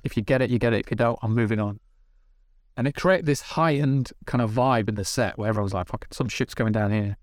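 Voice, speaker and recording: A man, a TV director, telling animated casual stories on a podcast, swearing and acting out what people said. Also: medium pitch, no room sound, clean studio sound. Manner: animated, swearing, acts out dialogue. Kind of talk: casual storytelling. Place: podcast studio.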